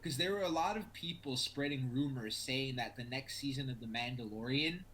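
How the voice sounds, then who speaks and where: A man co-hosting a podcast in loose, excitable chat, swearing often, heard over a choppy remote call whose audio keeps cutting out. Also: medium pitch, normal speed, low-quality recording. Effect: choppy call audio that cuts out. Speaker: podcast co-host.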